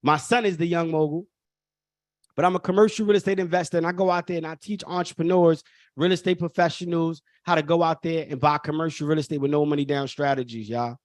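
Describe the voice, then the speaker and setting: A man's voice: on the high side, steady tone, fast talker, dry recording, clean studio sound. Emphatic Brooklyn man hosting a workshop. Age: 30s. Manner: emphatic, repetitive, addresses audience as y'all. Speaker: workshop host. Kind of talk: live online workshop talk.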